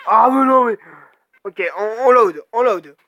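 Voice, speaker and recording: Swearing gamer man, excitable commentary. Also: extremely high pitch, a little slow, no room sound, clean studio sound, soft background music. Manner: swears a lot, excited exclamations, talks to himself. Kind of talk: let's play commentary.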